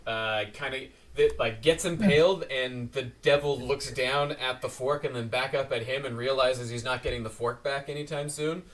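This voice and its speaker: A man narrates a tabletop game as its game master, easing through the scene with plenty of ums and uhs. His voice sits a little off the mic, and faint noise hangs behind it. The pitch is an ordinary middle register. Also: recorded from a distance. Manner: relaxed, halting narration with many fillers.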